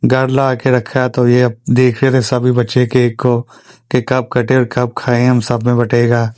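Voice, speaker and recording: A father narrates a family vlog as a voice-over, recounting the day plainly step by step. His smooth, slightly slow voice stays near a middle-height monotone, and the recording is dry and close with no echo or room sound.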